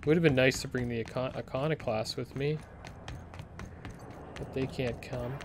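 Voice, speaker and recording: Male let's-play commentator, middle pitch, laid-back and thinking aloud, over noisy game audio. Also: moderate pace. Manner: relaxed, thinking aloud while playing. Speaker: gameplay commentator.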